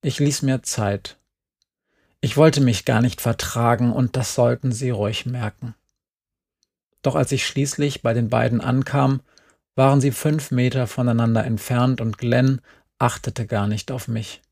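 A man reading a novel aloud in calm, subdued narration. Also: mid-range voice, a little slow, gravelly. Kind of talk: scripted audiobook narration.

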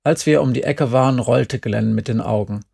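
A man reads a story aloud in a calm, steady storytelling manner. His mid-range voice carries a gravelly, creaky edge. The narration is even and measured. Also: mid-range voice. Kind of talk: audiobook reading.

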